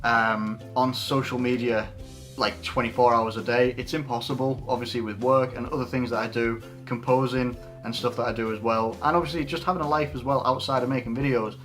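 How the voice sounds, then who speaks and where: A man's voice: mid-range voice, steady tone, brisk, a bit bright, faint music behind. A man in his twenties from England, a YouTuber answering viewer questions in an unscripted casual Q&A, rambling with frequent restarts and fillers. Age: 20s.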